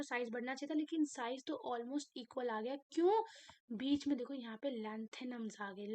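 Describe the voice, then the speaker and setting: A young woman teaching a chemistry lecture, animated and asking her own questions before answering them. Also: high voice. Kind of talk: classroom lecture.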